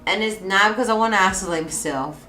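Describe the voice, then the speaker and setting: A woman's voice: medium pitch, fast, sharp tone, roomy sound, faint music behind. A pregnant woman in her thirties hosting a podcast, talking frankly and casually with bursts of laughter. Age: 30s. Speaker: podcast host. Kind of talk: candid casual chat.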